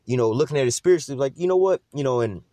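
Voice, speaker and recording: Fast, rambling street preacher man. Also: mid-range voice, expressive, dark tone, dry recording, studio quality. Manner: rambling, full of fillers and slang. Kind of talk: informal preaching.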